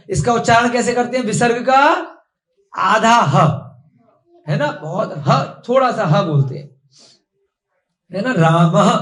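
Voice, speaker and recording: High-voiced man teaching a class. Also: echoey room. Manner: patient, asks the class many questions. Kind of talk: classroom lesson.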